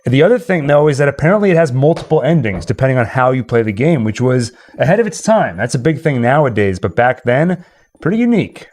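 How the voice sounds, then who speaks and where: Talking fast and very animated, this livestream host has a medium-pitched, darkish voice. He chats casually and addresses viewers directly while game and tune music runs underneath.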